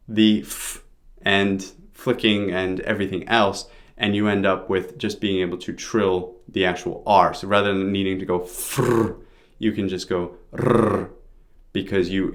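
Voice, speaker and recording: A man's voice: on the low side, fairly bright tone. A man giving an informal pronunciation lesson, explaining sounds step by step as a teacher.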